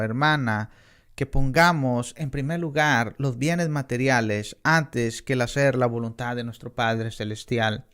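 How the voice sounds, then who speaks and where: A man's voice: medium pitch, a bit bright, clean tone. A middle-aged man preaching a Bible class in a church, earnest and emphatic, often addressing his listeners as brothers. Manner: earnest, repeats "hermanos" often, emphatic rises on key words. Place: church in Texas.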